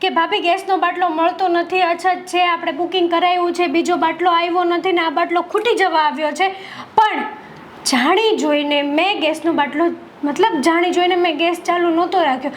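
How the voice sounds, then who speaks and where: An actress playing a young sister-in-law who defends herself and argues back in a short film. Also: female voice, extremely high pitch, steady tone, moderate pace, slight background noise. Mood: defensive.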